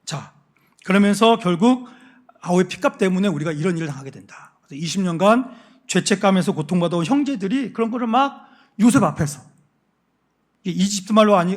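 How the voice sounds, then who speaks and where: A male pastor delivers a midweek Bible lecture, telling the story with animated emphasis. His voice sits high for a man. He drives each point home with lively, emphatic phrasing.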